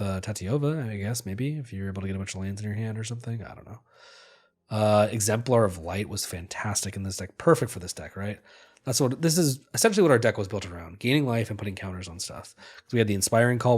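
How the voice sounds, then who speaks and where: A man with a congested, nasal voice from a cold, casually recapping his card game deck for his video audience with lots of fillers. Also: fairly low pitch. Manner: relaxed, filler-heavy, upbeat. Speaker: gaming video creator.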